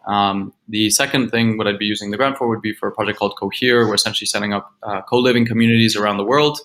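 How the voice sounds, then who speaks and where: Bright-voiced man from Guatemala. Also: lowish voice, quick pace, poor audio. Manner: steady, listing points with fillers. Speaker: grant finalist presenting. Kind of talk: prepared pitch on a call.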